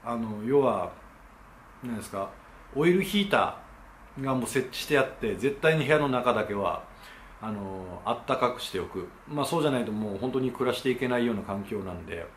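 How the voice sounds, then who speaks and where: A man's voice: mid-range voice, lively intonation, moderate pace, a little hiss or hum. A man hosting his own channel, explaining in a polite, casual manner with many hesitation fillers. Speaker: channel host. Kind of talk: casual explainer talk to camera. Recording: echoey room with faint ambience.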